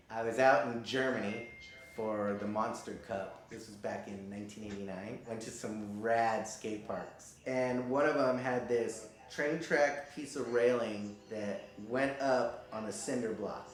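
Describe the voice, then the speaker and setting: A man in his fifties, a pro skateboarder telling injury stories in an interview, laid-back and casual, swearing here and there. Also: on the low side. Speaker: professional skateboarder. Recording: very echoey room.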